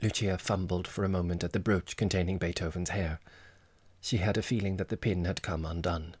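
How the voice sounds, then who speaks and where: A man narrating a comic novel as an audiobook, with measured, wry storytelling. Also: deep voice, steady tone, breathy edge, no echo.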